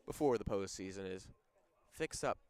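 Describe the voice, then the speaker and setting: A young man calls the action of a high school baseball game. His voice is smooth and clear and sits a little low. Between pitches he trades jokes with his broadcast partner. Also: animated, moderate pace, a little mellow. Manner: banters and teases his co-announcer. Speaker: play-by-play announcer.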